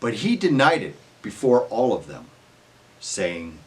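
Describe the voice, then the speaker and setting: A man narrating a dramatic scripture reading in an expressive, measured storytelling manner. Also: fairly low pitch, far from the mic, low-quality recording.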